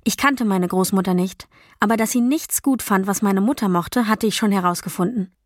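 A woman reading a first-person novel as an audiobook, in a calm, even storytelling voice with quiet dialogue voices. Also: medium pitch, normal speed, no echo, studio quality. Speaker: audiobook narrator. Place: dry recording booth. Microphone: close studio mic.

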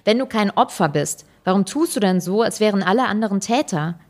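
A woman's voice: mid-range voice, expressive, fairly quick, a little mellow. A woman voicing a mocking, accusing woman in a talk-show audience.

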